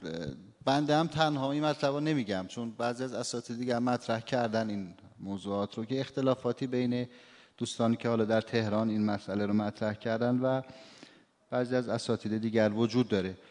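A man teaching a recitation class, explaining points politely and demonstrating phrases as examples. His voice sits at an ordinary middle pitch. The room gives it a long reverb. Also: steady tone, a little mellow. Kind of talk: classroom lecture with questions.

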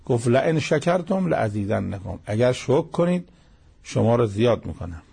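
A man explains a holy text line by line in a religious lesson. His voice is gravelly and husky. He hammers points home by repeating phrases. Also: medium pitch, sing-song, warm tone. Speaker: Quran commentator.

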